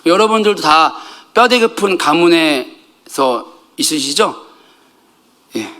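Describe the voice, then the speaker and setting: A middle-aged male pastor giving a conversational sermon, animated, jumping between loud outbursts and soft asides and joking with the congregation. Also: a little high, slow.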